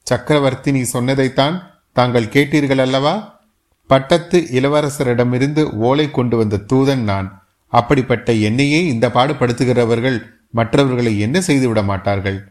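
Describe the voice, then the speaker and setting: A brash young warrior, bold and quick with his tongue, as a male narrator puts him on. He speaks with indignant, commanding force in a storybook reading. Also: mid-range voice, a little mellow, lightly acted.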